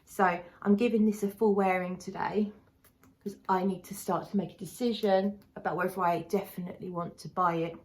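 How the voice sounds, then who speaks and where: A woman's voice: lowish voice, steady tone, moderate pace, poor audio. A woman with a lisp and whistling s from a brace, giving a casual, rambling review to camera as a perfume reviewer.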